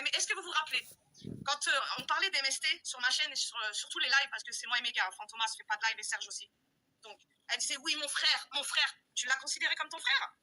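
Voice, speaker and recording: A woman hosting a live stream, ranting loudly and confrontationally, hurling insults and repeating herself for emphasis. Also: sits high, poor audio. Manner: loud-mouthed, insulting, confrontational; repetitive, emphatic, addresses viewers directly. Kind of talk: heated live-stream rant.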